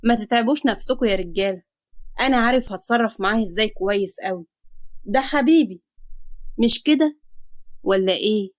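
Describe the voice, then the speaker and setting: A woman's voice: mid-range voice, dry recording, close to an everyday voice. A woman with an Egyptian Arabic accent voicing a menacing, mocking young man who calls himself a psycho, taunting and threatening in a storybook reading. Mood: mocking menace. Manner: taunting, sarcastic, slow and threatening.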